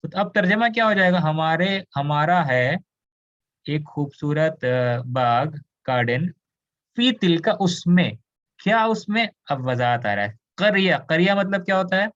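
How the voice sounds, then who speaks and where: A man from India leads an online Arabic grammar lecture, explaining with patience, slipping into English and putting questions to students. His voice is on the high side, animated, a bit bright and measured, heard through dull audio.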